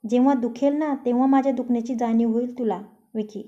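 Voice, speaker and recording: A woman reading a story voices a touchy young man who covers his care with sarcasm and snapping. The voice sits slightly high and soft-toned. The recording is a little dull and lo-fi. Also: steady tone, fast talker, close to an everyday voice. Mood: irritated sarcastic. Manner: taunting, sarcastic. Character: young man, grumpy, teasing, quick to snap.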